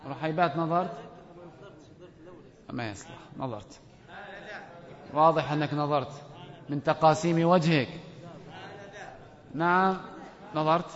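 A man teaching a grammar class, quizzing students with a playful, commanding manner. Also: a little high. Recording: dull audio in a reverberant hall.

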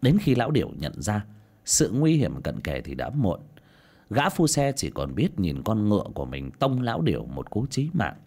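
A man narrating a folk tale with an expressive, dramatic storytelling delivery. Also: lowish voice, normal speed, slightly rough.

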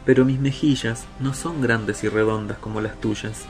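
A man's voice: fairly low pitch, steady tone, moderate pace, over music, close to an everyday voice. A man voicing a sighing, regretful female penguin in a children's story.

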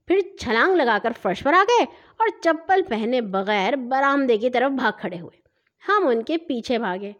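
High-voiced woman reading a children's story. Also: muffled recording. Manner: expressive, acts out every character. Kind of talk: children's audio story narration.

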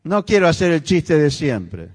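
A male pastor with a Rioplatense Spanish accent, preaching an emphatic sermon that rises to near-shouts. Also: on the high side, very animated, a little slow. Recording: echoey church hall.

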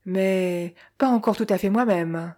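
A woman doing a young woman just coming to in an audiobook. Her voice is weak and broken, soft and mellow. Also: medium pitch, measured pace, lightly acted. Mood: faint.

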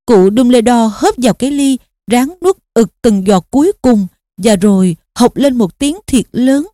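A woman reading an audiobook aloud in a steady, expressive storytelling manner. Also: on the high side, a little slow, no echo, studio quality. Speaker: audiobook narrator.

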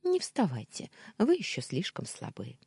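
A woman voicing a shy, eager young maid in her twenties, speaking in a hushed, pleading way. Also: fairly low pitch, wildly swooping pitch, moderate pace, creaky, breathy edge, dry recording, clean studio sound, voice pushed up, heavily acted. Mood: timid. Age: 20s.

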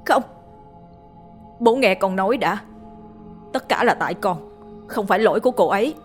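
A woman's voice: medium pitch, animated, normal speed, soft background music, lightly acted. Grief-stricken man voiced by a woman, wailing, pleading, storybook reading.

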